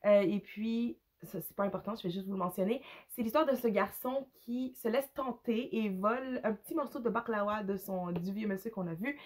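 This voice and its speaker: A woman with a Quebec French accent and a hoarse, gravelly voice, casually reviewing books in a hesitant, rambling way with English words slipped in. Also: medium pitch, moderate pace, few pauses. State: hoarse, with a cough. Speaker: book reviewer, mother. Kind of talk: casual unscripted review to camera.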